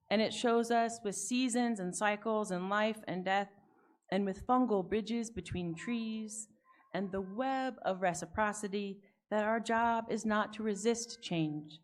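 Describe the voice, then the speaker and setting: A woman in her forties, a pastor preaching a sermon at a pulpit microphone in a church, reflective with chatty personal asides. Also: mid-range voice. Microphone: speaking at a pulpit microphone.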